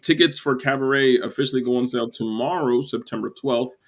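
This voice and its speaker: A man's voice: mid-range voice, a little fast. A man hosting a casual theatre chat show, asking questions in an easygoing, laughing way. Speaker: podcast host.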